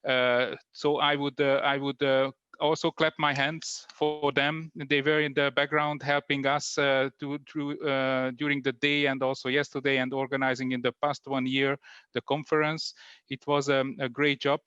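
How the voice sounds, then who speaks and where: Halting man hosting an online conference. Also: medium pitch, level tone, a bit bright, clean tone, no room sound, dull audio. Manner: halting, many fillers and restarts. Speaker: event host. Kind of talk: closing remarks at an online conference.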